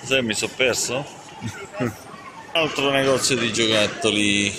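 A man vlogging as he walks through a shopping mall, narrating casually in a playful, enthusiastic, teasing way. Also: medium pitch. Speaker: travel vlogger. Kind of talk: casual walking-tour narration. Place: large indoor shopping mall. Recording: noisy mall ambience.

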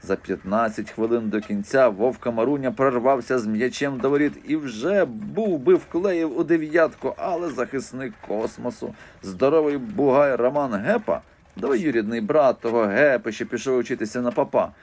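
A man narrating a children's novel aloud in a lively, expressive storytelling voice. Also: mid-range voice, normal speed. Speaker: audiobook narrator. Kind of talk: scripted audiobook narration.

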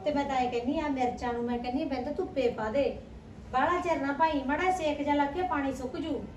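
A woman's voice: high voice, fairly even intonation, fast talker, darkish tone, close to an everyday voice. A woman playing a practical village neighbor in an amateur short film, with an advising, scolding tone. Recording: roomy, distant, faint background noise.

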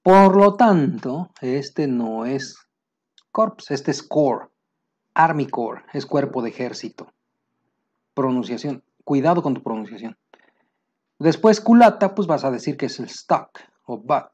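A man with a Mexican Spanish accent teaching military vocabulary, pausing to say each English term slowly and plainly. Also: mid-range voice, lively intonation, a little mellow, breathy edge. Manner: explains terms, slows down for English words. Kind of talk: vocabulary lesson.

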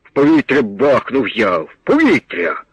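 A man voicing an angry armed villager who barks threats and shouts, on a dull lo-fi old radio recording. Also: medium pitch, very animated, extremely slow, no room sound, exaggerated voice. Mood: panicked.

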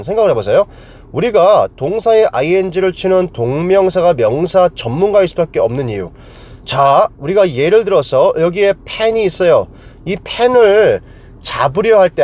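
A man's voice: high voice, warm tone. A man teaching English grammar to a class, playful and joking, quizzing students with silly memory tricks.

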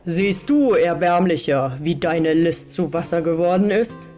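A woman's voice: steady tone, unhurried, darkish tone, faint music behind. A woman playing the Strong One, a wrathful robber chief. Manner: wrathful, booming commands. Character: stern, commanding robber chief, grown man.

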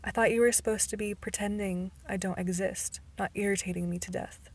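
Irritated teen girl, sarcastic, breathy, narrow pitch, read by a woman. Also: steady tone, a little fast.

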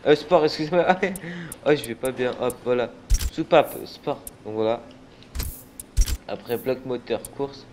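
A young man talks through a racing game in a loose, tired ramble, stumbling over words and swearing as he goes. His voice sits at an ordinary middle pitch. Car and engine sounds from the game stay clearly audible behind him. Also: a little slow, a little mellow, a little hiss or hum. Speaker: gaming channel host. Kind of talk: casual gameplay commentary.

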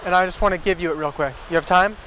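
A man's voice: high voice, very fast, rough recording. A young man doing casual street banter with strangers as a prankster, hesitant, repeating himself and pushing for answers. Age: young adult. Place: outdoors at a beach and shopping plaza. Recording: outdoor camera audio with loud wind and surf.

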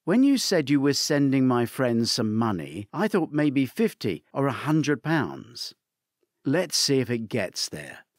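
A man voicing an anxious, excitable young woman in an audiobook reading, with a high, rising delivery. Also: measured pace, no room sound, clean studio sound. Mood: alarmed.

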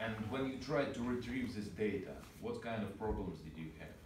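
A man in his thirties with a Russian accent and a lowish voice teaches an informal programming class in a small meeting room, speaking at a normal speed in a relaxed way and asking the students questions. It's captured by a far-off camera, so the sound is roomy, distant, and noisy.

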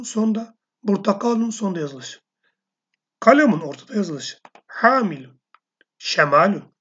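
Slow, husky woman teaching vocabulary. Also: mid-range voice. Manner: slow, reads a word then repeats it or gives its meaning. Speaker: Arabic teacher. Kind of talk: recorded language lesson reading vocabulary. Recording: dull lo-fi sound.

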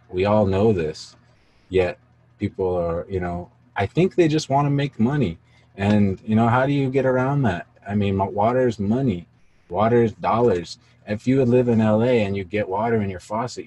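A man in his thirties speaks over a video call with a very low, husky voice. He talks earnestly about community work, rambling and filling pauses. The sound is a home setup with a small earbud mic. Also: warm tone, rough recording. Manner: earnest, rambling, many fillers. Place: indoor room, studio gear behind.

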